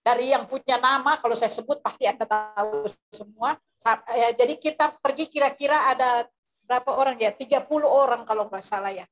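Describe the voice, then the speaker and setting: A woman's voice: a little high, brisk, soft background music. A woman preacher tells a story over a video call, rambling with many fillers and restarts. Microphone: video call microphone.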